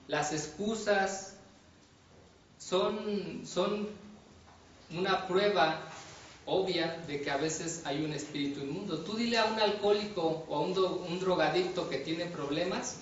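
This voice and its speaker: A man's voice: high voice, takes it slowly, a little hiss or hum. A man preaching a sermon, asking his listeners rhetorical questions and often repeating or restarting words as he goes. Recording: distant echoey room, dull sound, faint ambience.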